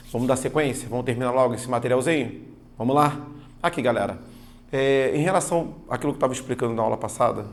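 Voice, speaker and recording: A man's voice: medium pitch, gravelly. A man teaching an exam-prep grammar lesson in a casual way, often checking in with his students. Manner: casual, addresses students as "galera", frequent "ó" and "tá vendo?".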